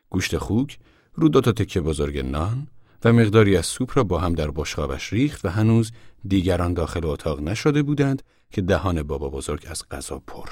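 Very deep-voiced male narrator. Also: darkish tone, dry recording, clean studio sound. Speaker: audiobook narrator. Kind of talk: scripted narration.

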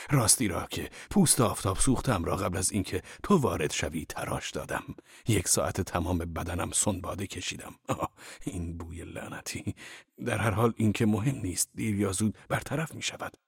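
Man doing a lively earthy old laborer. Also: deep voice, creaky, breathy edge, dry recording, studio quality, exaggerated voice. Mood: coaxing.

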